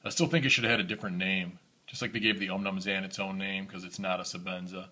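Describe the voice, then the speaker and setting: Man, low pitch, monotone delivery, casual knife review vlog, phone camera recording. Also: fast talker. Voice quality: monotone, self-described.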